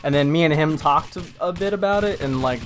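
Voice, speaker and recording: A man's voice: fairly high pitch, a little fast, a little hiss or hum. A man from North America casting a live esports tournament who rambles with many fillers and restarts, and has the hiccups. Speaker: tournament commentator.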